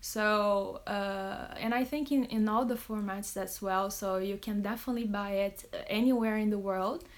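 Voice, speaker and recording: A Brazilian romance author chats casually with fans on a phone live stream, answering their questions with plenty of fillers and laughter. Her voice is medium in pitch and steady in tone, moving at a moderate pace with few pauses.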